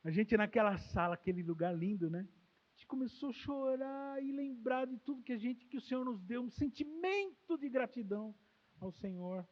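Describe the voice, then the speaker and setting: A Brazilian man preaching a sermon as pastor, emotional, swinging from loud exclamations to quiet, intimate tones. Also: extremely high pitch, normal speed. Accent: Brazilian Portuguese. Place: church hall. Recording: long hall reverb, dull lo-fi sound.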